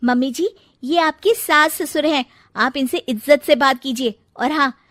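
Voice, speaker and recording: A woman's voice: high-pitched, measured pace, a bit bright, no room sound, clean studio sound. A woman voicing a cheeky young daughter-in-law who talks back sassily in a storybook drama. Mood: defiant.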